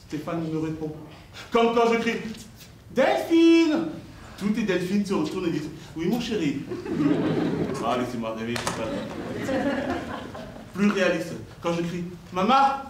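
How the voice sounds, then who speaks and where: A man from Normandy doing a stand-up comedy set, jumping high for quoted voices and dropping low for asides. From Normandy, France. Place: stage in an echoey hall. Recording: echoey, distant live recording, noisy.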